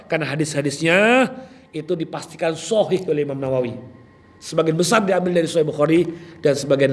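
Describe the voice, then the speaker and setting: A man preaching a religious study session, lively and joking, often addressing his listeners directly. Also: on the high side. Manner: lively, jokey, keeps addressing listeners with "Pak". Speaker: Islamic preacher. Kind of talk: sermon.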